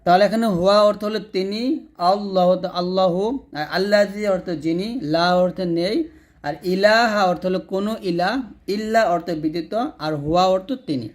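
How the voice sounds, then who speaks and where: A man with a Bangladeshi Bengali accent and a fairly high voice leads a recitation lesson. He breaks each word into its letters and vowel marks, draws out the sounds syllable by syllable, and has the listener repeat after him. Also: steady tone, brisk. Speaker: Quran teacher. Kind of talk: slow spelled-out recitation lesson.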